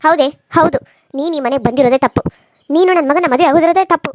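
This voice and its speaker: A woman's voice: high-pitched, fast talker, dry recording, studio quality, lightly acted. A woman voicing a harsh, scheming, wealthy middle-aged mother-in-law in a cartoon serial, with a North Karnataka accent and a scolding, contemptuous manner. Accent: North Karnataka Kannada.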